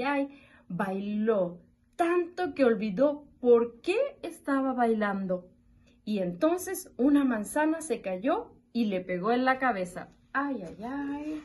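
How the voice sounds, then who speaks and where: A woman preschool teacher reading a picture book aloud to young children, animated, with playful asides to the listener. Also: fairly high pitch.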